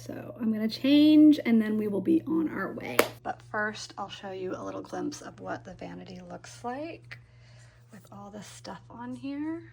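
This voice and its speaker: A woman's voice: mid-range voice, expressive, a little slow, over a noisy crowd. A woman vlogging in a casual, rambling way to her viewers, thinking aloud as she talks. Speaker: lifestyle vlogger. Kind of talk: casual vlog chat to camera. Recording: clear background noise.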